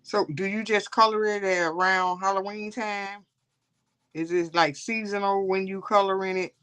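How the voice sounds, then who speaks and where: Woman, livestream host, casual chat, rambling, relaxed, mid pitch. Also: normal speed, smooth. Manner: rambling, chatty, talks to chat viewers.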